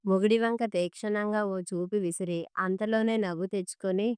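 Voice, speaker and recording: A woman narrating a story aloud in a steady, plain reading voice. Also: mid-range voice, normal speed, clear, resonant tone, no room sound, studio quality.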